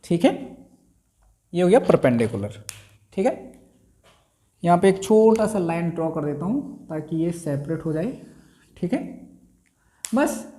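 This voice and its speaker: A man teaching a maths lesson at a board, repeating each key term slowly and asking himself the answer aloud. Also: a little high, big pitch swings, dark tone. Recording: roomy echo.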